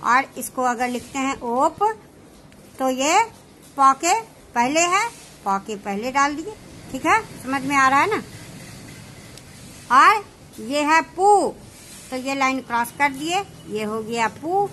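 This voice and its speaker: A woman teaching shorthand, explaining each step slowly and checking whether her students understand. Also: sits high, expressive, bright, forceful tone, slight background noise. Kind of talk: slow classroom explanation.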